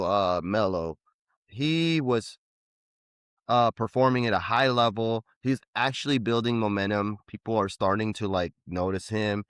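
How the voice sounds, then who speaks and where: A man's voice: lowish voice, a bit bright, no echo, studio quality. A man co-hosting a wrestling podcast, rambling in casual chat with many restarts. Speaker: podcast co-host.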